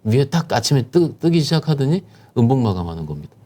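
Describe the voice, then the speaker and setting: A man's voice: mid-range voice, sing-song, quick pace, warm tone. A man, a securities firm manager, explaining stock market conditions as a guest, emphatic and posing rhetorical questions.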